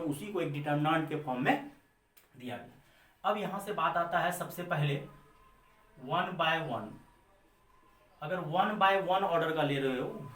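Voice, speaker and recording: A man with an Indian accent, his voice fairly high and fairly bright, lectures a maths class, repeating his points, answering his own questions, and calling his students children. The room is echoey and the mic is far off.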